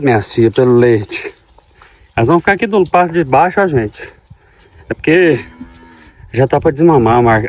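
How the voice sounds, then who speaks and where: Tender farmer talking to his cows. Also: mid-range voice. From Goiás, Brazil. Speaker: farmer and vlogger. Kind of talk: casual farm vlog. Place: outdoors on a farm, by a corral.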